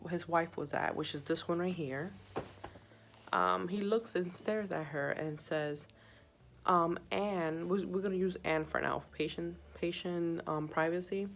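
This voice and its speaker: A woman's voice: lowish voice, gravelly, low-quality recording. A young woman who works as a hospital sitter, telling a story in a chatty, subdued way with many fillers and recording on her phone. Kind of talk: casual story-time vlog.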